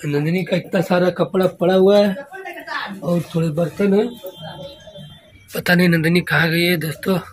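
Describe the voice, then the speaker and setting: A man's voice: high voice, fairly even intonation, moderate pace, long pauses, husky. Chatty man vlogging at home. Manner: chatty, keeps addressing viewers as friends. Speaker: family vlogger. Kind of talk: casual home vlog chat.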